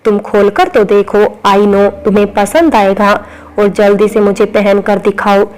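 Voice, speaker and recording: A woman's voice: medium pitch, fairly even intonation, unhurried, lightly acted, rough recording. A woman reading as a teasing young husband. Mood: playful.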